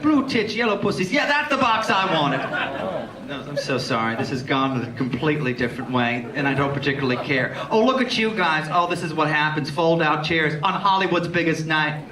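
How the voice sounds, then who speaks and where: A man doing live drag comedy with campy, bawdy flair and a high-pitched voice. He banters theatrically with the audience. The room is echoey and the crowd is very loud. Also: expressive, fairly quick, distant mic. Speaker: drag queen comedian hosting a live show. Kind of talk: live stand-up crowd work.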